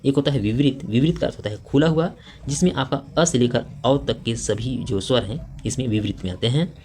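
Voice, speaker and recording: A man's voice: medium pitch, fairly quick, darkish tone. A man teaching a grammar lesson for exam preparation, reading out each question and its options and explaining them step by step with frequent fillers.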